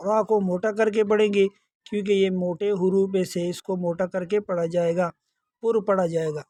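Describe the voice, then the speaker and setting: A man teaching Quran recitation, explaining pronunciation patiently and repeating words slowly to correct common mistakes. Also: sits high, little pitch movement, mellow, no room sound. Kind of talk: tajweed lesson, explaining then chanting verses slowly.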